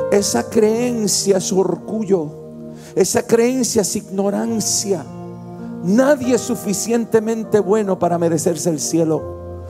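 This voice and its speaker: A male pastor preaching a sermon with passion, moving from quiet, intimate storytelling to loud, shouted exhortation. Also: high-pitched. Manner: impassioned preaching, swings from hushed to shouting.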